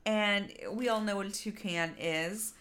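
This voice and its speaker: A woman's voice: medium pitch, fairly even intonation, a little slow, fairly bright tone, echoey room. A woman co-hosting a podcast in casual chat, laughing often and trailing off with fillers. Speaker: podcast co-host.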